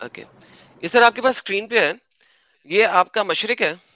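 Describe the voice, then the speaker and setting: A man's voice: high voice, measured pace, bright, forceful tone. A man hosting an online debate, pressing his points and mocking the other side's arguments. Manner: mocking, theatrical when reading quotes. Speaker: debate host. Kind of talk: online debate with screen share.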